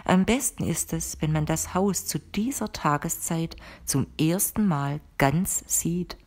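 A composed, mysterious woman with a low voice, read by a woman narrator, who talks to her guest in a calm, matter-of-fact and firm way. The tone stays measured and sure throughout, as in an audiobook scene. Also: full character voice. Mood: explaining calmly. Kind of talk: audiobook character reading.

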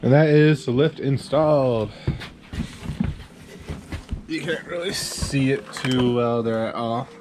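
A man's voice: medium pitch, slow pace, long pauses, noisy background. A man in his thirties from Newfoundland, hosting a casual shop vlog with laid-back, joking banter in a small garage workshop. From Newfoundland, Canada. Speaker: vlog host.

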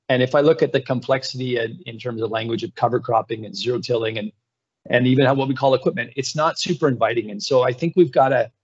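A man in his forties with a husky, breathy voice leads the panel from a home office over a headset. He talks in a thoughtful, conversational way, and the call audio is dull and lo-fi. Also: medium pitch. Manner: reflective, conversational, repeats words when starting. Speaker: panel moderator. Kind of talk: video call panel discussion.

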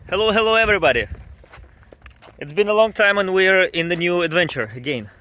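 A man talks straight to his camera with a chatty, upbeat tone while out in a seaside town. His pitch moves around a lot. Clear street noise runs under his voice. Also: lively intonation, brisk, sharp tone. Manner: chatty, upbeat, addresses viewers directly. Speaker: travel vlogger. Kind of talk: casual travel vlog chat.

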